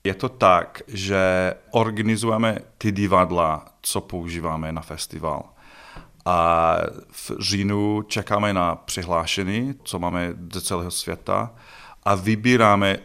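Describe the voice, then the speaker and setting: A man's voice: sits low, a bit bright. A middle-aged man with a Scottish accent, a native English speaker, answering interview questions in a conversational, joking, self-deprecating way. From Scotland. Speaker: interview guest, festival organiser.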